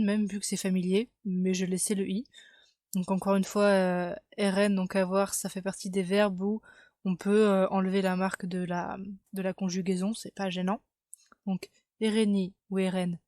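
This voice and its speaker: A woman's voice: medium pitch, a little mellow, no room sound, clean studio sound. A woman casually explaining the words and spelling of her invented language, chatty and full of fillers as she thinks aloud. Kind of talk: casual explanatory video lesson.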